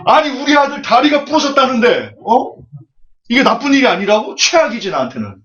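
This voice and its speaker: A man voicing a hot-tempered farmer who shouts his complaints, on a dull lo-fi recording. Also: on the high side, sing-song, a little fast. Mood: indignant. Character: hot-tempered male farmer, loud and indignant.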